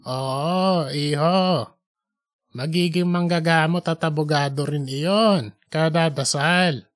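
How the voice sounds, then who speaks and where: In fictional audiobook dialogue, someone voices a pious, earnest 87-year-old Filipino grandfatherly man, speaking slowly and deliberately with hesitant openers and a matter-of-fact mood. The medium-pitched voice stays close to everyday speech on a dry recording.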